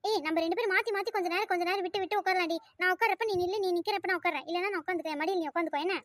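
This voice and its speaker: A cheeky, sharp-tongued young college girl, squeaky and very high, rattling off her words at speed, as a woman voices her. She bickers and talks back like a cartoon heroine who never backs down. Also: steady tone, racing, very noisy. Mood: bickering. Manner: quarrelsome and cheeky, then pleading. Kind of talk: cartoon voice acting.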